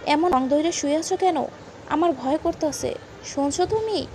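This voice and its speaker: A woman's voice: high voice, moderate pace, a little hiss or hum, voice pushed up. A woman voicing a desperate young wife who wails and pleads. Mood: frantic pleading. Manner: frantic, wailing and pleading.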